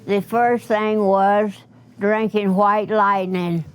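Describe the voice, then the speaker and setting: Very old woman, over one hundred, unhurried, playful joker. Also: medium pitch, flat delivery, slight background noise, rough recording. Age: over 100. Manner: playful, joking. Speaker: interviewee. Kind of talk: casual interview.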